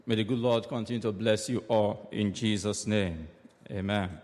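A man reading the gospel at Mass and preaching a homily in a slow, measured, solemn way, with a cathedral echo. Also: on the low side, fairly even intonation, darkish tone. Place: large church. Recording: long echoing church reverb.

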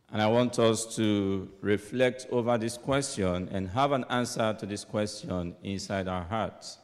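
Slow, deep-voiced priest in cathedral echo. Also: male voice. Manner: deliberate, measured. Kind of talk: solemn scripture reading and homily. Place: inside a large church. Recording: echoing church hall, long cathedral-like reverb.

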